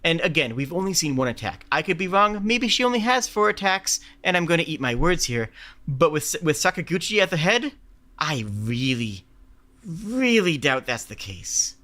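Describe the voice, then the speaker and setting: A male streamer with a fairly high, very bright and forceful voice. He talks through his reactions analytically, stressing his points and posing rhetorical questions as he explains. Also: sing-song, moderate pace. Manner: emphatic, explanatory, rhetorical questions and self-quoting. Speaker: streamer reacting to game announcements. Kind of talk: live reaction commentary, analytical.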